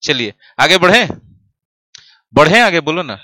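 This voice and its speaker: Young male tutor, bright forceful voice, playful and teasing, quizzes the class. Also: a little high, big pitch swings, a little slow, dry recording. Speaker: English grammar teacher. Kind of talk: online class, joking with students. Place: classroom studio, standing at a desk.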